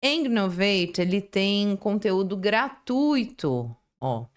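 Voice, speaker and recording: A woman's voice: mid-range voice, slow pace, smooth. A woman English teacher giving an online lesson, talking through a screen share, often checking in with short tag questions and restarting her sentences. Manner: lively, tag questions and frequent self-restarts.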